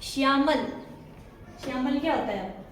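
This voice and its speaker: A woman's voice: high-pitched, unhurried. A woman teaching a Hindi class, quizzing her students and drilling their answers. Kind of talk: classroom lecture. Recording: echoey room, far from mic, noisy.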